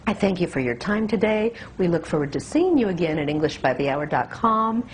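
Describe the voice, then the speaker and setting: An American woman working as a speech coach, giving deliberate articulation instruction and drawing out sounds as she demonstrates them. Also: fairly low pitch, expressive, a little hiss or hum. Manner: deliberate, drawn-out demonstration of single sounds and words.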